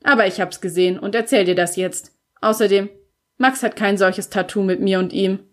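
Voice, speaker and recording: A woman's voice: medium pitch, fairly even intonation, moderate pace, close to an everyday voice. A woman reading an audiobook, voicing a cool, sardonic teenage boy who is grieving his brother, with a dry, offhand delivery. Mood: quiet.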